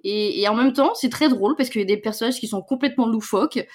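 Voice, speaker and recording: A woman's voice: fairly high pitch, fast, darkish tone. A woman co-hosting a podcast, talking casually about a TV series with many fillers and restarts. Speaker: podcast co-host reviewing series. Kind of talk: casual chat.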